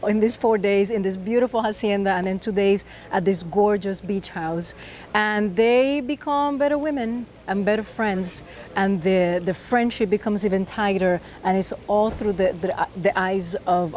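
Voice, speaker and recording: A woman's voice: mid-range voice, moderate pace, darkish tone. A woman from Puerto Rico with a Puerto Rican accent, a film director talking enthusiastically in a press interview and often restarting her sentences.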